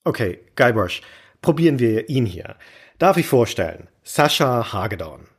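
Husky guy hosting a goofy bit, playful and fake-annoyed, pitch all over the place. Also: big pitch swings, unhurried. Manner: playful, mock-exasperated. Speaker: host. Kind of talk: comedic scripted banter.

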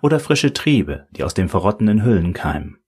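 A man's voice: lowish voice, big pitch swings, fairly quick, darkish tone, slightly rough. Man voicing a dry, sardonic old professor. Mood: lecturing. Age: older. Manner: dry, mocking.

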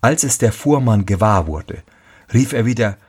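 A man reading a fairy tale aloud as a storyteller, slow and expressive. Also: fairly low pitch, breathy edge.

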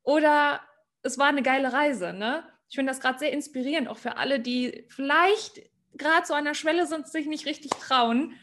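High-voiced blunt woman host. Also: normal speed, fairly bright tone. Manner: blunt, swears casually, interjects. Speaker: podcast host. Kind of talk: casual chat.

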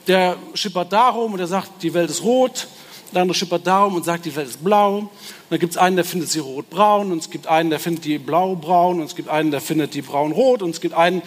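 A man giving a public talk, thinking aloud and briefly acting out the voices he quotes. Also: high voice. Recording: hall reverb with faint background noise.

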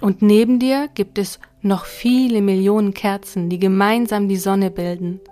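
A woman voicing a calm, kindly God. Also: medium pitch, moderate pace, natural voice. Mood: gentle. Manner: calm, gentle, explaining. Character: kind patient God, calm and smiling.

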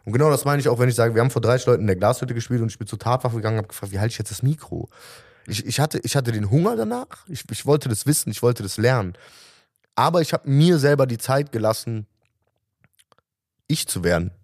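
A man's voice: medium pitch, expressive, quick pace, a little mellow, dry recording, clean studio sound. A man in his thirties, a musician guest, talking earnestly and reflectively in a casual interview, often restarting his sentences.

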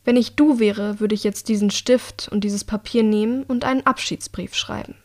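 Picture a composed young woman who threatens without ever raising her voice, as a female narrator voices her. Her words stay quiet, measured and icily polite, as in a dark audiobook. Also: mid-range voice, steady tone, close to an everyday voice. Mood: quietly menacing. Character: calm, coldly menacing young woman assassin.

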